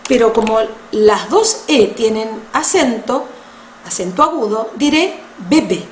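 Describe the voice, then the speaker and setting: A woman giving a language lesson, explaining French sounds patiently and slowly. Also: on the high side, animated. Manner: patient, slow, spells out sounds. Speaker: French teacher. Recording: roomy echo with faint noise.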